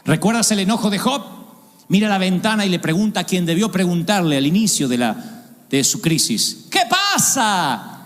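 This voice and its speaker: A man with an Argentine accent preaching a sermon in a large auditorium, ironic and animated, acting out the voices of God and Job. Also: sits high, fairly quick, long reverb tail. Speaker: pastor.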